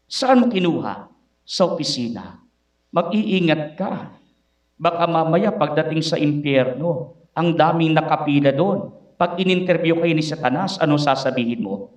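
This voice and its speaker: A man's voice: on the high side, lively intonation, measured pace. A man, a priest, giving a Sunday homily and asking the congregation rhetorical questions. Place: church. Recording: echoey church, voice from a distance.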